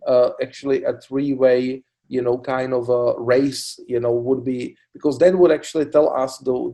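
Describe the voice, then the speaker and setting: A middle-aged man from the Republic, a cancer doctor answering interview questions in a halting way, full of "you know" fillers. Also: medium pitch, warm tone. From Czech Republic. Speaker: oncologist guest. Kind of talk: expert interview.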